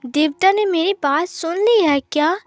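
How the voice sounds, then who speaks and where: A woman's voice: extremely high pitch, fairly even intonation, unhurried, dry recording, pitched above the performer's own voice. A woman voicing a frightened, tearful young man who stammers and pleads, in a fan-fiction story reading. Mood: anxious. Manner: stammering, pleading, breaks off mid-word.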